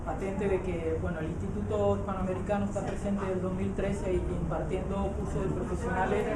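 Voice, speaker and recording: A man's voice: high-pitched, little pitch movement, brisk, very noisy. A man raised in Venezuela giving a live conference talk, hesitant with many fillers and restarts. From Canary Islands, raised in Venezuela. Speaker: conference speaker. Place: conference hall. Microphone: handheld mic held away from the mouth. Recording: roomy hall, distant mic, dull sound.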